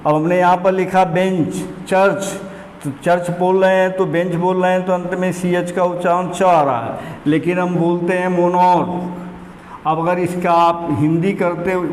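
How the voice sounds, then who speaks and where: A man teaching an English grammar lesson, speaking slowly and deliberately and repeating key words to drill them into his students. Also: sits high, echoey room, long reverb tail.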